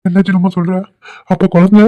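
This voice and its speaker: A man's voice: high-pitched, level tone, brisk, close to an everyday voice. A man voicing a worried middle-aged father and husband in a cartoon, who sounds anxious and consoling. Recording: dull lo-fi dry recording.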